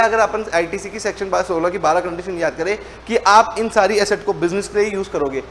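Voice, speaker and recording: In this low-quality recording with a little hiss or hum, a high-pitched young man runs an online revision lecture on tax for an exam. His style is chatty and teasing, and he voices his students' questions as well as his own replies.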